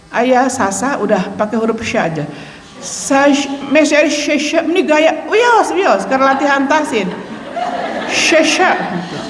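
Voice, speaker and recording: A woman's voice: a little high, slight background noise. A woman religious teacher with a Sundanese accent gives a Ramadan lesson on Quran recitation, playful and laughing often. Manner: playful, laughing often, mixing in local words. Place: mosque hall. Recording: echoey mosque hall with long reverb.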